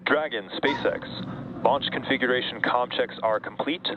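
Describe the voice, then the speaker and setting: Male capsule communicator, mid-pitched, formal clipped callouts over a narrow pilot headset channel with faint hiss. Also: a little slow. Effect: radio headset comms. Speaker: capsule communicator in mission control. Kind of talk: procedural radio comms. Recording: phone-like radio channel with faint noise.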